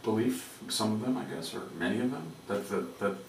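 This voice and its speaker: Male public radio host, deep register, rambling interview chat, echoey room with faint noise. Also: animated, a little fast, a little mellow. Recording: roomy, distant, noisy radio interview.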